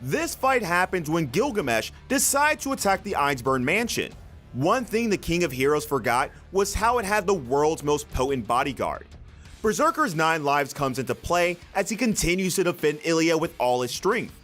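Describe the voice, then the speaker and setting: A man's voice: a little high, big pitch swings, normal speed, a bit bright, faint music behind. A man reading scripted countdown narration for a video list.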